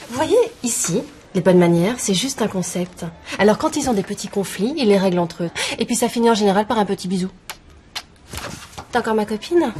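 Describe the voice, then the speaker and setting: An actress playing a nonchalant, blunt teacher brushing off a parent. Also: female voice, medium pitch, lively intonation, a little fast, darkish tone, lightly acted. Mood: blasé. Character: blasé woman teacher who couldn't care less. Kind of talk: sitcom sketch acting. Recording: noisy background.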